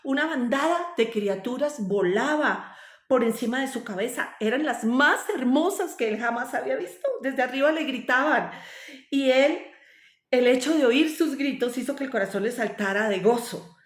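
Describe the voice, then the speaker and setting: A woman reading a fairy tale aloud in an expressive, animated way. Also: sits high, moderate pace. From Colombia. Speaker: storyteller. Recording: roomy echo.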